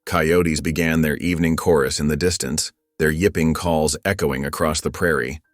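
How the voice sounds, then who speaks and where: Very deep-voiced male storyteller. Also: no echo, studio quality. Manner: calm, measured storytelling. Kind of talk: scripted narration. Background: faint music.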